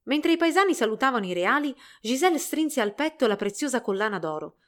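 Woman reading a fairy tale, lively. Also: a little high, a little fast. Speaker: storyteller. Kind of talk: storybook narration.

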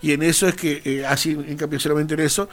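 A man's voice: on the high side, steady tone, fast, fairly bright tone. A man, explaining prayer in earnest in a devotional talk and reading Bible verses aloud. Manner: earnest, reads scripture aloud, quotes sample prayers. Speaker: church radio co-host.

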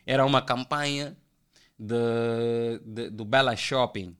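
A young man from Angola with an Angolan Portuguese accent, telling animated, slangy stories as a podcast guest. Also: mid-range voice, slow, clean tone. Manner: animated, slangy, acts out quoted voices. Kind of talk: casual storytelling chat.

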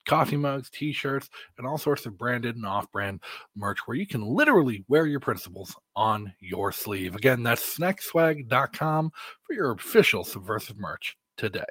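An American man delivering a podcast monologue as host, in deliberate phrases with emphatic stresses. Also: mid-range voice, animated, fairly bright tone, breathy edge, dry recording.

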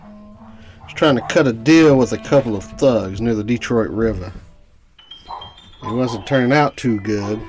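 A man's voice: mid-range voice, a little mellow, lightly acted. A man narrates as a weary 1930s police detective. His delivery is terse and slangy, in hardboiled radio noir style, with music behind him.

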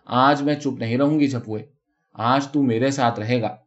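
Male reader voicing a jealous first wife, fierce, shouting, scolding, dull lo-fi audio. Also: mid-range voice, lightly acted. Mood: furious. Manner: shouting, quarrelsome. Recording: dull lo-fi recording.

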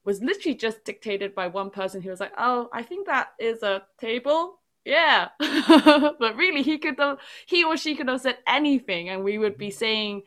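Speaking at a normal speed in a fairly high voice, this woman, English-born with a different first language, is having a casual chat. Her story wanders animatedly, and "like" comes up constantly.

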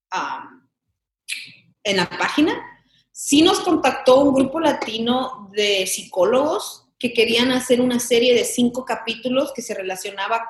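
Woman chatting in a roomy echo. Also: on the high side. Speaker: comedy content creator, interview guest. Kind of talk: casual interview chat.

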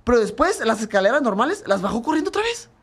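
Talking quickly in a very high, very animated voice, a Mexican fighter on as a guest spins a meandering, foul-mouthed tale while chatting casually with friends. Almost every phrase he says ends with some slang filler.

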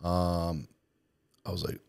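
Low-voiced man telling a rambling story. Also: level tone, slow pace, darkish tone, clear, resonant tone, dry recording. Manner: rambling, filler-heavy, laughs through the story. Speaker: podcast co-host. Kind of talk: casual storytelling chat.

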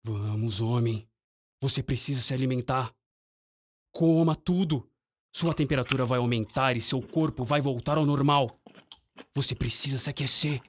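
An actor playing an earnest Arctic explorer leading an expedition in a radio drama. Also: male voice, mid-range voice, normal speed, natural voice. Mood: concerned. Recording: clearly noisy background ambience.

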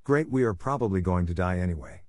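A man reading aloud and voicing a sharp-tongued, skittish woman adventurer in a fantasy tale. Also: deep voice, expressive, fast, no echo, studio quality. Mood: anxious.

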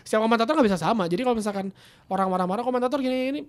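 Rapid-talking man, rambling. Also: high-pitched. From Indonesia. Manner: fast, rambling, many restarts and fillers. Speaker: football commentator guest. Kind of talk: casual podcast chat.

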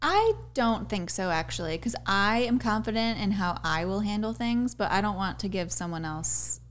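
A woman's voice: medium pitch, moderate pace. A woman co-hosting a podcast, chatting eagerly and jumping in with her own points. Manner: eager, interjecting, animated. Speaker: podcast co-host. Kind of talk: casual chat.

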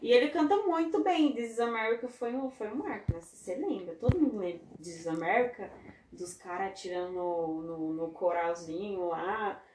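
A woman's voice: mid-range voice, normal speed, darkish tone, echoey room, a little hiss or hum. A woman co-hosting a casual chat, talking in a joking, chatty way with lots of filler tags. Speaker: podcast co-host.

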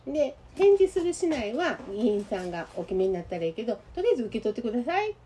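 A woman's voice: on the high side, quick pace, slight background noise. A woman with a Kansai accent, co-hosting a radio talk show and telling a story in casual chat, acting out the voices of the people she met. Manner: animated, acts out quoted voices.

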